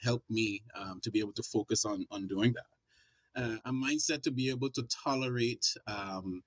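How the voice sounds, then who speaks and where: A middle-aged or older man from the US Virgin Islands, a podcast guest talking casually and pausing often to find his words. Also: on the low side, breathy edge, dry recording, low-quality recording. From US Virgin Islands (St. Croix). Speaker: podcast guest, therapist and life coach. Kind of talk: casual interview talk.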